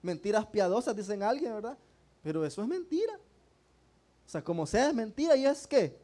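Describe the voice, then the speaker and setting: Male preacher, high pitch, call-and-response sermon style in church. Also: big pitch swings, a little fast, warm tone. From El Salvador. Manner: asks the congregation rhetorical questions and often calls them brothers.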